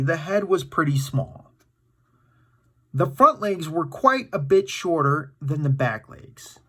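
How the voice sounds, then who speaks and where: A man with a high, bright voice and forceful tone hosts a children's story time, reading aloud with enthusiasm, playfulness and drama. He throws in casual asides to his young viewers.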